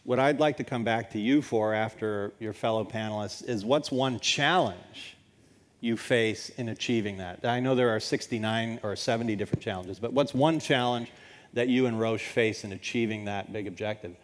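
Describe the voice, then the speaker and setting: A man moderating a conference panel, measured and guiding as he introduces speakers. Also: on the low side. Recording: long hall reverb.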